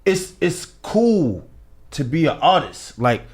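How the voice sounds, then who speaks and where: A man's voice: a little high, sing-song, slow. A man co-hosting a podcast, talking casually and thoughtfully, often repeating words as he builds a point. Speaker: podcast co-host. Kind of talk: casual chat.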